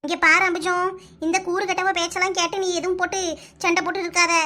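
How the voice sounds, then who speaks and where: A woman voicing an older village woman in a cartoon who gives calm, measured advice, with a Kanyakumari Tamil accent. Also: very high voice. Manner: measured, soothing counsel. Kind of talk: cartoon voice acting.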